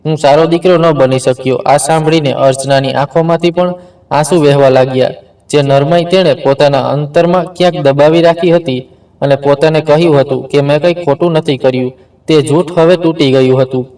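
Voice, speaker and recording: A man narrating an emotional story in a steady, earnest way. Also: on the high side, moderate pace, recorded from a distance, poor audio.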